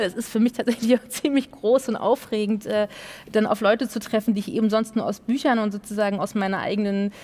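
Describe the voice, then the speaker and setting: A woman's voice: medium pitch, darkish tone. A young woman moderating a panel on a theatre stage, earnest and hesitant with many fillers.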